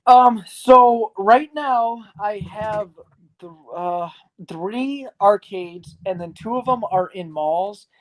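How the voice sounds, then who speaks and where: Slow and high-voiced, an arcade owner in his early twenties talks casually as an interview guest. He rambles openly and leans heavily on fillers.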